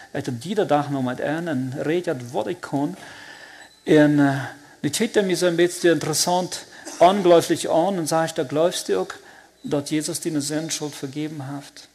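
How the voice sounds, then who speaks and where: A man's voice: a little high, darkish tone. Earnest Plautdietsch-accented man's testimony. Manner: earnest, halting, heartfelt storytelling. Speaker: believer giving a personal testimony. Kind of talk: personal religious testimony.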